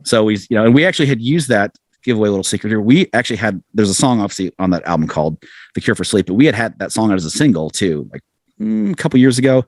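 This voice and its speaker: Very animated and racing along, a middle-aged American band frontman speaks in a voice on the low side during an interview as a musician guest. His talk is casual, rambling and self-deprecating, and the recording is dry.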